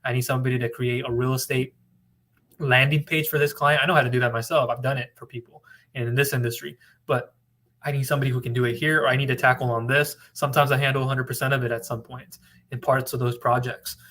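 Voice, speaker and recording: A man's voice: medium pitch, level tone, fast talker, bright, forceful tone. A man from California hosting a casual livestream, talking confidently in a rambling, repetitive way as he answers viewers. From Orange County, California. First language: bilingual in English and Spanish. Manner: confident, rambling, repeats himself. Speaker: business funding broker hosting a livestream.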